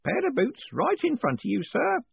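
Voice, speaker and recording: A man voicing a fussy, eager old male postman who keeps calling people sir in a hoarse whisper. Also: extremely high pitch, huge pitch swings, moderate pace, no echo, phone-quality sound, pitched above the performer's own voice, full character voice.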